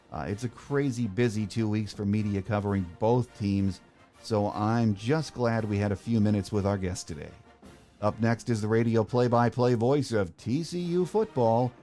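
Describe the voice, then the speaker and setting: Speaking in a fairly low, mellow voice, a man hosts a sports podcast, first reading a prepared opening and then interviewing his guest with relaxed fillers.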